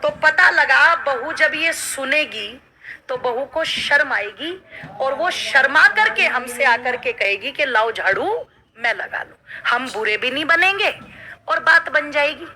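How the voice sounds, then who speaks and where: Woman preacher, devotional sermon, high and piercingly bright, urges crowd to respond. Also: lively intonation, slow pace, rough recording. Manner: emphatic, urging the crowd to answer aloud.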